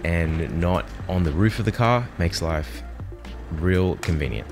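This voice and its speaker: A man's voice: sits low, expressive, measured pace. A man with a nasal voice, feeling under the weather, telling a chatty, self-deprecating story as a voice-over. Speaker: vlogger narrating his race. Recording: roomy sound with music underneath.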